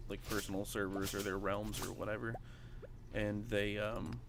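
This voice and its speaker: In a casual let's play of a farming game, a gaming streamer talks to his viewers at a moderate pace, using lots of fillers. His voice is lowish with little pitch movement, and the background is noisy.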